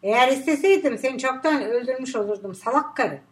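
A defiant hired gunman spits hostile taunts in a storybook thriller, as a woman narrator voices him. The voice sits high, with wide swings. The delivery is sneering and defiant. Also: animated, a little fast.

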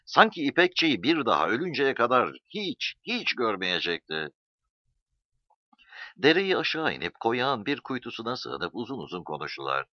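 A man narrating a story as an audiobook reader, in an expressive storytelling manner. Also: mid-range voice, moderate pace, no room sound. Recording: dull dry recording.

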